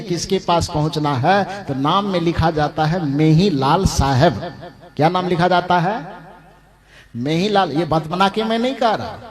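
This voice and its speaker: A male preacher with a notably high-pitched voice delivers a devotional discourse. He poses questions to his listeners and answers them himself. He stretches out key names for emphasis and chuckles often as he talks. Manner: slows down to stress names; chuckles often while speaking. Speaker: religious preacher.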